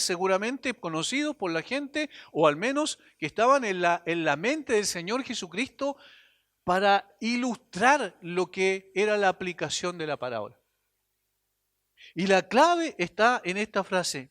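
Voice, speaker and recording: A man preaching a sermon as a pastor, earnest, swinging between emphatic lines and hushed drops, sometimes repeating and restarting phrases. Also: sits high, no echo, clean studio sound.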